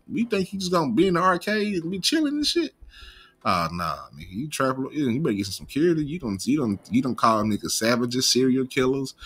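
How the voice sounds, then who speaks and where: Mid-range and fairly bright in tone, the voice is an American man's, marked by a slight stutter and imperfect pronunciation of some words. He's hosting online commentary, speaking off the cuff in casual, slangy, profane language.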